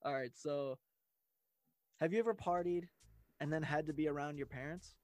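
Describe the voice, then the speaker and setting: A man's voice: on the high side, moderate pace, no echo. A man hosting a casual chat, asking questions and teasing his guest in a laid-back way.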